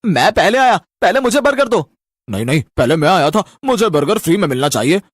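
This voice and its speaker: A woman voicing grown men in a cartoon, loud, hurried and complaining, bewildered at having grown fat. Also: sits low, very animated, no room sound, clean studio sound, voice pushed down. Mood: pushy. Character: bewildered grown-up male townsmen turned fat. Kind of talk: cartoon voice acting.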